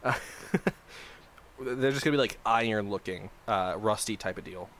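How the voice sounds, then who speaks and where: A man's voice: lowish voice, measured pace, a bit bright, a little hiss or hum. A young man hosting a livestream, chatting casually and rambling with lots of swearing and restarts. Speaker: livestream host designing a game mod.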